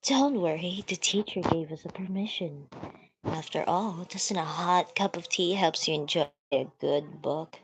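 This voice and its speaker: A woman voicing a shy, soft-spoken, polite schoolgirl who loves books. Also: fairly low pitch, unhurried, a little hiss or hum, poor audio. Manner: quiet, gentle, formal.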